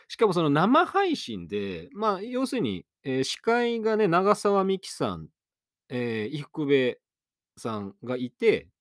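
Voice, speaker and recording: A man's voice: mid-range voice, dry recording, studio quality. A man hosting a solo radio show in a rambling, self-mocking, chatty way. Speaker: radio DJ and podcast host. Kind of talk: casual solo radio talk.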